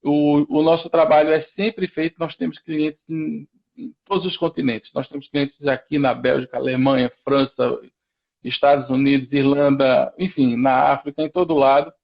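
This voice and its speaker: Flat in delivery and gravelly, this fairly high male voice keeps a normal speed over dull audio. He is a Recife lawyer appearing on a live stream, and in his Pernambuco Brazilian Portuguese accent he goes methodically through procedures, restarting often.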